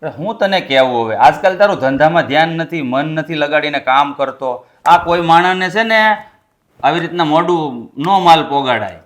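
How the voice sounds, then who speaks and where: A man plays an irritated elder brother who runs the family business and scolds in a pitched-up, firm voice. He talks in a plain, exasperated tone, pushing each point as a complaint. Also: animated, moderate pace, close to an everyday voice. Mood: scolding. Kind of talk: Gujarati family stage drama.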